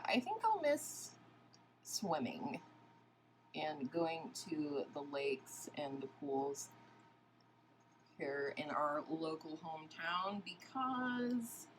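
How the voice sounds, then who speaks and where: Slow, chatty woman makeup vlogger. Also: deep voice, background noise. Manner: chatty, asks viewers questions while applying makeup. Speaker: beauty vlogger. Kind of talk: casual makeup tutorial chat.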